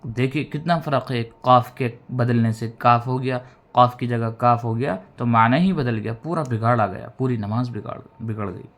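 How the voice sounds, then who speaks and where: A man teaching Quran reading in a recorded lesson. He drills syllables slowly, drawing out the vowels, and explains each rule patiently. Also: medium pitch.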